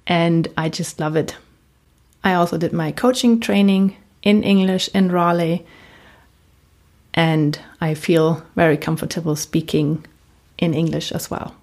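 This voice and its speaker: A woman hosts a podcast on her own, speaking straight to her listeners in a conversational way. She's a native German speaker working as a coach, so her English carries a German accent, and her voice is slightly low and a little mellow.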